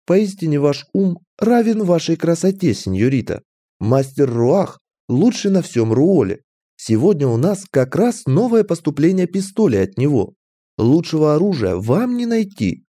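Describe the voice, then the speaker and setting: A fat, sly merchant fawns and flatters in a high, bouncing sing-song, as a male narrator puts him on. His pushy sales patter swings wide in pitch. The audiobook recording is dry and close. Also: moderate pace, no room sound. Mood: fawning. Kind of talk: audiobook character reading.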